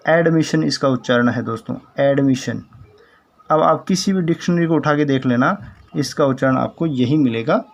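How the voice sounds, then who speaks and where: A man teaching English pronunciation in Hindi, patiently spelling out words and repeating them slowly while speaking to viewers as friends. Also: on the high side. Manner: addresses viewers as friends, explanatory.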